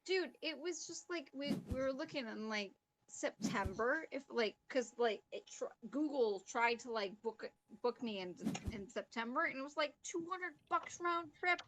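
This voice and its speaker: Chatty, playful woman with a higher voice. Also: animated, moderate pace, noisy background. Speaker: stream host. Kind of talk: casual chat on a game stream.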